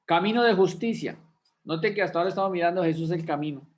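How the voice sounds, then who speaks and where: A man's voice: high-pitched, fast talker. A man, a pastor teaching a class in a conversational sermon style, often checking in with rhetorical questions. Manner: folksy, asks rhetorical questions of listeners.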